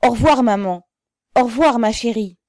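A woman reading a storybook voices a young male revolutionary worker, calling out loud farewells to his mother. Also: very high voice, moderate pace, dry recording, clean studio sound, voice pushed up.

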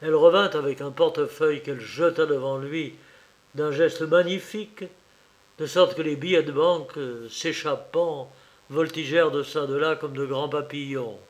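A man narrating an audiobook in a measured way, with occasional small hesitations. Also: fairly high pitch, steady tone. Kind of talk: audiobook reading.

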